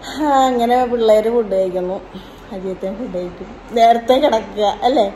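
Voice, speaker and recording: A woman's voice: medium pitch, normal speed, warm tone, slight background noise, low-quality recording. A woman with a Malayali accent chatting casually in a home vlog, coaxing a sleepy crying child in a sing-song way. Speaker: vlogger. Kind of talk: casual family vlog chat. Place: home in rainy evening.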